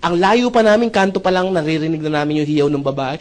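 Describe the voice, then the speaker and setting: A man's voice: on the high side, fast talker. A man giving a live sales presentation to an audience. He jokes, keeps checking in with the crowd, and mixes English phrases into Filipino speech. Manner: jokey, animated, often asks the audience "right?". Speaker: seminar speaker presenting a business opportunity.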